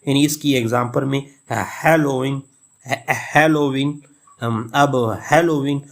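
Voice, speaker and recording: A male college professor giving a recorded literature lecture, explaining slowly and reading example words aloud with strong stress, mixing Hindustani with English terms. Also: medium pitch. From Jammu and Kashmir, India. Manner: mixes Hindustani with English terms, frequent filler 'yaani'.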